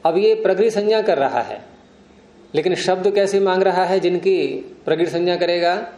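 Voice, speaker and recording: A man's voice: high voice, moderate pace, darkish tone, roomy sound. A man teaching Sanskrit grammar in a classroom lecture, patiently explaining and quizzing his students.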